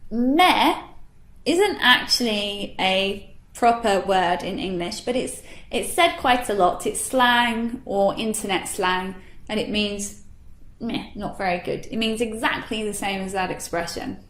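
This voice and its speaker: A woman teaching English speaking, explaining tone slowly and deliberately. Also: medium pitch, fairly bright tone, echoey room. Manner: slow, deliberate teaching voice with exaggerated tone demos. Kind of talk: instructional explanation.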